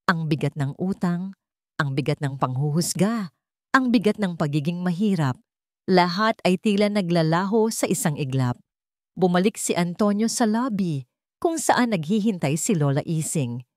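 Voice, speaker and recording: A woman with a Filipino accent narrates a scripted dramatic story in a lowish, slightly mellow voice, expressive and at normal speed. The studio sound is clean, with no room sound.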